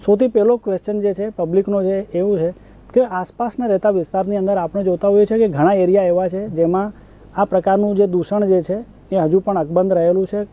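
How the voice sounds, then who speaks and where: A man hosts a news discussion. He puts questions to his guest and the viewers in a formal, polite way. His voice is high yet very mellow and dark in tone. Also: fairly even intonation, brisk, rough recording. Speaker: show host.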